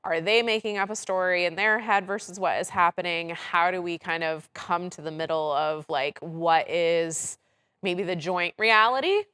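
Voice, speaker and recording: A woman hosting a podcast, speaking in a direct, animated way with frequent "like" and "right?" fillers, often laughing. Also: on the low side, moderate pace, clear, resonant tone. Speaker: podcast host. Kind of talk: casual podcast conversation.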